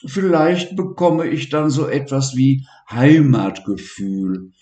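A man's voice: mid-range voice, slow pace, echoey room, pitched above the performer's own voice, close to an everyday voice. A man voicing a proud, caring male lion king in a storybook reading. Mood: reassuring. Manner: reassuring, bold, loud roars.

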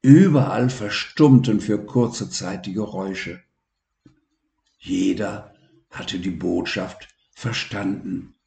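A man calmly reading a children's story aloud as narrator. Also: on the low side, creaky, roomy sound. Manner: slow, calm and deliberate.

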